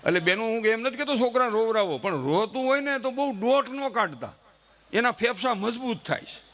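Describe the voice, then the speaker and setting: A man's voice: very high-pitched, expressive, a little fast, a bit bright. A middle-aged man, giving a chatty folksy comedy monologue on a live stage and talking straight to the audience. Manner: chatty, addresses the audience directly, acts out quoted family members.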